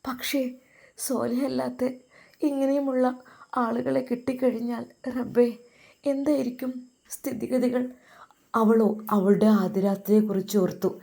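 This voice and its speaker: Brief: hoarse woman telling a serialized story with drama, mellow and warm. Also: on the high side. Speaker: storyteller and vlogger.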